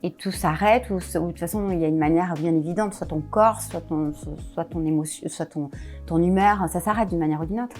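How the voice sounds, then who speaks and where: A woman's voice: fairly low pitch, a little fast, darkish tone, soft background music. A woman business coach chatting casually in an interview, hesitant with many fillers and restarts.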